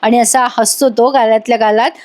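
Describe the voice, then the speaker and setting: A woman's voice: on the high side, fairly even intonation, fairly quick, a little mellow. A woman narrating a voice-over recap of a TV serial episode, chatting with her audience directly. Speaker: TV serial reviewer.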